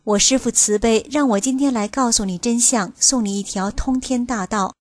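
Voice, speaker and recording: An older woman reading a first-person account aloud at a steady, even pace. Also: fairly high pitch, moderate pace, no echo. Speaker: narrator.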